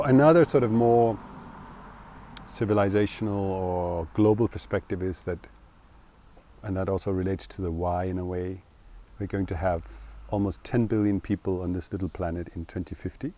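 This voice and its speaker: A middle-aged man, speaking in English, talking earnestly and thoughtfully in an interview and pausing to find his words. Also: sits low, dark tone. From Denmark. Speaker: co-founder interviewee. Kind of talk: reflective interview talk.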